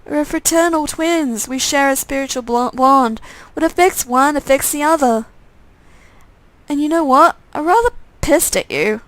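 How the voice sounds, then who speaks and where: A woman's voice: high-pitched, a little slow, fairly bright tone, dry recording, pitched above the performer's own voice. A woman voicing a sardonic, hungry young brother. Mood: mocking. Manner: sarcastic, grumbling, menacing.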